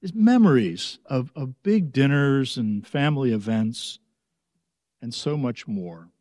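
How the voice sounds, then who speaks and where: Male pastor from the United States, mid-pitched, unhurried and reflective sermon delivery, long church reverb. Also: lively intonation, mellow, studio quality. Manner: slow, measured, reflective delivery.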